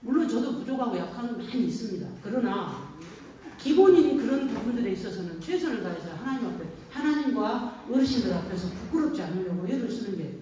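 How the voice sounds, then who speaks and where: A woman pastor with a preaches to elderly listeners in a folksy, storytelling way and keeps asking them questions. Her voice sits a little high. She sounds distant, in a very echoey room with faint noise behind her. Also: very animated, fairly quick, dark tone. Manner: folksy storytelling, frequent call-and-response questions. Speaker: pastor at an elder care center. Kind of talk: sermon to elderly congregation.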